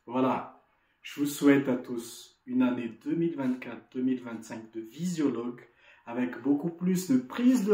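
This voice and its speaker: Slow, earnest Malagasy-accented man. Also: mid-range voice, warm tone. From Madagascar. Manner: earnest, encouraging, with frequent restarts and repeated words. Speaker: association delegate giving an opening lesson. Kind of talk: motivational speech to students. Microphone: video call. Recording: echoey room.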